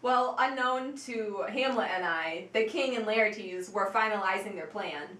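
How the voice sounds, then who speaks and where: A woman's voice: medium pitch, unhurried, pushed and bright. A woman playing Horatio, a grieving young man, earnestly recounting events in an amateur interview skit. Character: Horatio, grieving loyal young male friend. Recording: echoey room.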